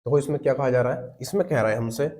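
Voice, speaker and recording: A man's voice: medium pitch, quick pace, a little mellow. A man teaching an exam-prep lesson, explaining step by step and answering his own questions, often calling the listeners brother.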